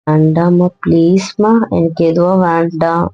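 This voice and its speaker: A woman's voice: fairly low pitch, flat delivery, unhurried, no room sound, faint music behind. A young woman in casual couple banter, sulky, pleading and stubborn. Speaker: wife in a couple vlog skit. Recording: dull, dry lo-fi audio.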